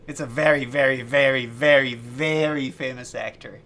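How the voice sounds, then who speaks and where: A man's voice: medium pitch, steady tone, moderate pace, a bit bright, slight background noise. A man chatting casually on a livestream while making music, laughing often and restarting his sentences. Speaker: streamer and musician.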